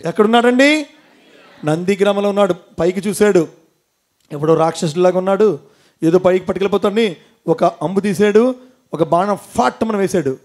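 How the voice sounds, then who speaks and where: High-voiced man telling a devotional story. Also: brisk, long pauses, darkish tone. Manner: asks audience questions, acts out voices. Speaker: motivational speaker. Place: temple hall before an audience.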